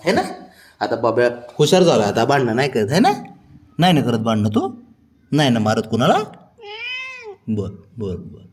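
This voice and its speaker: A man's voice: medium pitch, a little hiss or hum. A man talking to his pet cat in coaxing, sing-song baby talk, repeating soothing words.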